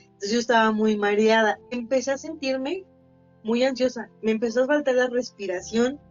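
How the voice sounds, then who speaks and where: A woman's voice: on the high side, normal speed. A woman, chatting on a podcast and telling a personal story with plenty of fillers. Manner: anecdotal, acts out quoted voices, many fillers. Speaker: podcast co-host. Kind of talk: casual podcast chat. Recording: slightly dull lo-fi, faint music bed.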